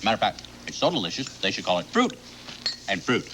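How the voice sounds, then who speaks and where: A man acting in a comic cereal commercial, patiently explaining in a lively voice. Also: on the low side, fast talker, noisy background. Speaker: commercial actor. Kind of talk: comic ad dialogue.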